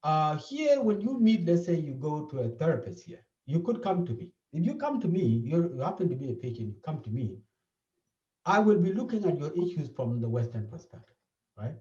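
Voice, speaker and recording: A man's voice: fairly high pitch, very animated, a little fast, dark tone. A man from South Sudan with a South Sudanese accent, speaking as a therapist in an interview and explaining his points earnestly, often repeating them. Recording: dull, echoey, from a distance.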